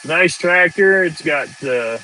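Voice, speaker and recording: A man's voice: a little high, expressive, slow, pushed and bright, slight background noise, low-quality recording. A man, chatting casually and rambling on a live stream from a tractor cab, laughing easily. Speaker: farm worker livestreaming.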